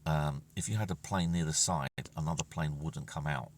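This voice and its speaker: A bass-voiced man at a moderate pace chats casually through his gameplay, muttering and slipping into near-whispers. The recording is very noisy, taken from a distant mic with music playing.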